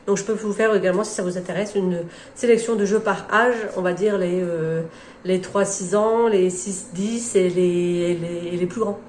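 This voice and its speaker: A woman's voice: on the low side, steady tone, moderate pace, darkish tone, a little hiss or hum. A woman in her forties from France, chatting casually to camera in a rambling, self-mocking way with many hesitations. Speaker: book vlogger.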